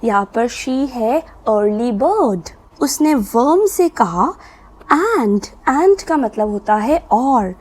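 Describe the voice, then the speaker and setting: A woman teaching a children's poem, reading the English lines slowly and explaining them in Hindi. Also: on the high side, lively intonation, darkish tone, poor audio.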